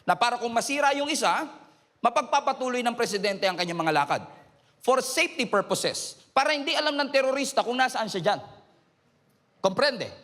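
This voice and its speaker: A middle-aged Filipino pastor preaches to his church with a very high, bright and forceful voice, mixing Tagalog and English. He urges the crowd to raise their hands and climbs into shouts. The long reverb of a large church hall trails each phrase. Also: lively intonation, a little fast. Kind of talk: preaching a sermon to a congregation.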